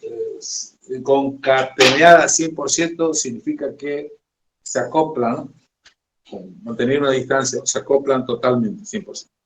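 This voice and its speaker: A man teaching a class at a slow, unhurried pace, pausing often and tacking little tag questions onto nearly every phrase. His voice sits at an ordinary middle pitch. It rings around a reverberant room. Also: slight background noise. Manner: slow, halting, keeps adding "decimos, ¿no?". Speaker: electronics teacher. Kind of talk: classroom lecture. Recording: echoey room.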